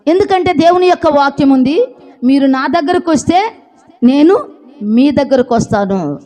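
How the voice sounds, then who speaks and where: A woman's voice: sits high, lively intonation, moderate pace, mellow. A woman preaching a church sermon, emphatic, repeating her phrases and putting questions to the congregation. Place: church service.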